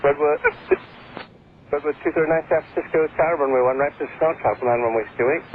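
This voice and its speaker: Fast-talking air traffic controller on radio. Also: male voice, on the high side. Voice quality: interrupted by hiccups. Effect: aviation radio. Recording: narrow, tinny radio channel with faint static.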